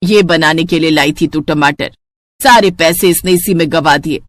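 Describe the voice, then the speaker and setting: Cartoon story, a woman doing an old scolding mother-in-law, lower voice, dramatic complaints. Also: normal speed, no room sound, natural voice.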